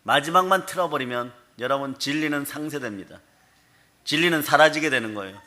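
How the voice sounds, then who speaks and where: Male pastor preaching fervently; bright, forceful, fairly high voice. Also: a little fast. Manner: fervent, emphatic preaching with repeated "amen hallelujah". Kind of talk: sermon. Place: prayer sanctuary.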